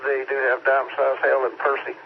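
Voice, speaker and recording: A man's voice: mid-range voice, monotone, fairly quick, vocal fry. A man, checking in as a storm spotter on an amateur radio net, talking casually with many fillers. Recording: muffled radio transmission with static.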